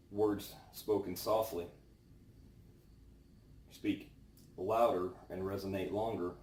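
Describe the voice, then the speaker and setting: A man with a very low, mellow voice gives an informal devotional. He speaks pensively, leaving long pauses between phrases as he reads and reflects. The recording is roomy, with faint noise behind him. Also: distant mic. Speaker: devotional host. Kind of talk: informal devotional talk, scripture reading and reflection.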